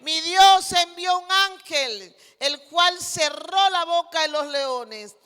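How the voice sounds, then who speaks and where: A woman voicing a calm, faithful prophet who answers in a raised, proclaiming voice, heard in an echoey church hall. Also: very high-pitched, takes it slowly, faint music behind, voice pushed up, full character voice. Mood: solemn proclaiming. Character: faithful prophet, grown man, calm and steadfast.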